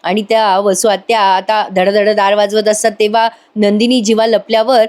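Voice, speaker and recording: A woman's voice: medium pitch, little pitch movement, normal speed, darkish tone, smooth. A woman giving a chatty voice-over recap of a TV serial, addressing viewers directly. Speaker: TV serial reviewer.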